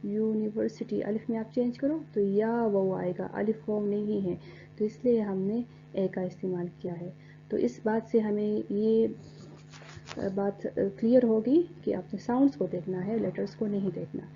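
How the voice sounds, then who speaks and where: Woman teacher spelling out words slowly. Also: medium pitch, fairly even intonation, mellow. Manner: explains step by step, spells words letter by letter, reads English examples slowly. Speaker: English teacher. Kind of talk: recorded classroom lecture. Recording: dull lo-fi recording with faint hum.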